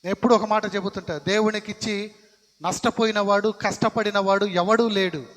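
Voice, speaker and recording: A man's voice: high-pitched, steady tone, moderate pace, a bit bright. A man preaching a sermon as pastor, emphatic and repeating phrases for stress, in a church. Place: church sanctuary. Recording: long reverb of a church hall.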